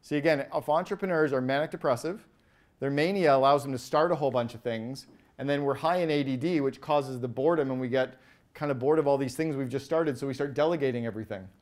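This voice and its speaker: A man giving an energetic business keynote on stage, firing quick questions at the audience and rattling off lists. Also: medium pitch. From Canada. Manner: animated, asks the audience quick questions, acts out quoted voices. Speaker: keynote speaker. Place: event stage before a live audience.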